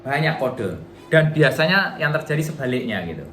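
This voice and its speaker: A middle-aged man, a workshop trainer, gives a casual, chatty relationship seminar to a live audience, acting out little dialogues. His voice is on the high side and a bit bright, with lively intonation at normal speed. There's a slight hiss or hum in the recording.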